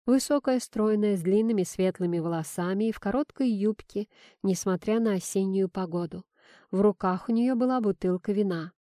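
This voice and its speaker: A woman reading a story aloud, narrating the scenes with lively delivery. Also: medium pitch, moderate pace, dry recording, clean studio sound.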